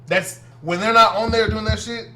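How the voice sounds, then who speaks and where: A man's voice: high-pitched, steady tone, moderate pace, pushed and bright. A man co-hosting a casual podcast chat, rambling loosely and laughing often. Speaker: podcast co-host.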